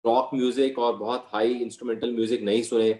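A man speaking as an ENT doctor, walking through symptoms and care advice in an explanatory way. His voice sits at a middle pitch and rings in a roomy, echoey space. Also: little pitch movement, fast talker, dark tone. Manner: explanatory, patient advice with medical terms. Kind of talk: medical interview answers. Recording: roomy echo.

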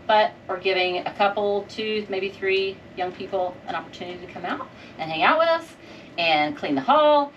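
A middle-aged woman hosting a casual chat in a boat's cabin, upbeat and quick to laugh. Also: mid-range voice, lively intonation, recorded from a distance, lo-fi sound, a little hiss or hum. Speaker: show host. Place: boat saloon indoors.

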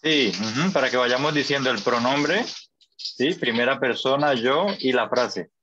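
A man's voice: mid-range voice, measured pace, bright, forceful tone, a little hiss or hum. A man teaching a Spanish class over a video call, patient and encouraging, often checking that students follow. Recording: dull lo-fi call audio.

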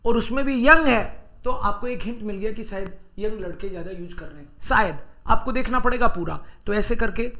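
A man teaching German exam strategy, reading German aloud slowly and explaining it in Hindi while thinking aloud. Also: sits high, sharp tone.

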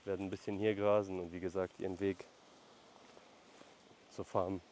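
Herding on a mountain farm in Lebanon, this shepherd-vlogger narrates casually in a low, darkish voice with a level tone and moderate pace. He breaks off his explanations to call to the animals, with faint outdoor sound behind him.

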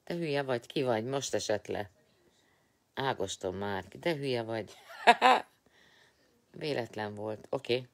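A tired man hosting a casual live stream, chatting, teasing and greeting viewers by name. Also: medium pitch.

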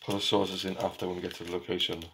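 In a small home kitchen, a young man talks casually to his viewers as he takes on a food challenge, his low voice delivered flat and very fast. The audio comes from a handheld camera and is noisy.

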